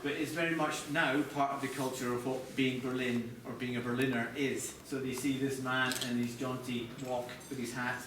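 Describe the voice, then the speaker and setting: The speaker is a middle-aged Scotsman presenting live as chief TV product designer, far from the mic in an echoey room before an audience, with clear background noise. He talks at a medium pitch, little pitch movement, moderate pace, and few pauses, conversational yet hesitant and prone to restarts.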